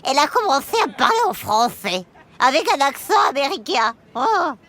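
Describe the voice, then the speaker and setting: A children's storyteller voices a cheerful, giggly female elf, exclaiming often and hesitating with plenty of fillers. Her voice is high, very animated and a bit bright, at a normal speed, and she sounds excited.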